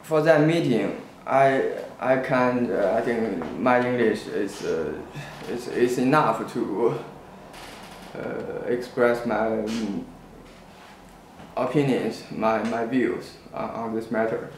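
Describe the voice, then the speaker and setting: Slow, halting man with echo. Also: mid-range voice. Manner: halting, many fillers and restarts, indignant. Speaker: student. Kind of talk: personal account to camera. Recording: echoey room, faint background noise.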